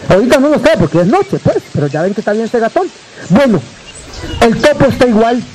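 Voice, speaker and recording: A man with a Mexican accent telling a folk tale to a live audience, with dramatic drawn-out repetitions and joking asides. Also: extremely high pitch, animated, darkish tone, slight background noise, rough recording. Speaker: storyteller. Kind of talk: live oral storytelling.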